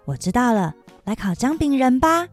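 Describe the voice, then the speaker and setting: A woman's voice: high-pitched, big pitch swings, moderate pace, soft background music, voice pushed up. A woman voicing a homely old grandmother who bakes, speaking in an exclaiming storybook manner. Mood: musing. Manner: exclaiming, calling out.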